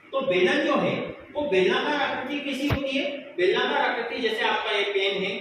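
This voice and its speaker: High-voiced man teaching a class. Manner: asks the class questions and answers them himself. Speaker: math teacher. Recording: echoey room, noisy, from far off.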